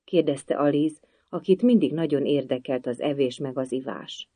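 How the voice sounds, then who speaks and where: A narrator reading a children's storybook aloud in an even voice. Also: mid-range voice, dry recording. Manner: even, lively voicing of figures. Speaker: audiobook narrator.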